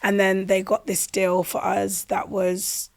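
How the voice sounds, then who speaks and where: A woman with a London accent chatting casually as a podcast guest, telling stories in an animated, emphatic way with plenty of slang. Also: medium pitch, slow, gravelly. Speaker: podcast guest, social media content creator. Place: podcast recording.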